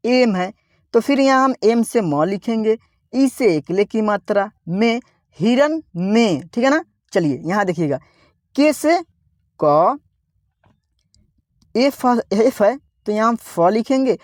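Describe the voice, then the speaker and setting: A man teaching an online reading lesson slowly, spelling out each word, repeating it and asking viewers to say it back. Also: high-pitched, lively intonation, no echo, clean studio sound.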